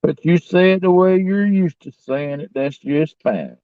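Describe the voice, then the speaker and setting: Slow-talking folksy rural American man. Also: fairly high pitch, clean tone, no echo. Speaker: livestream host. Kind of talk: casual chat. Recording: dull lo-fi audio.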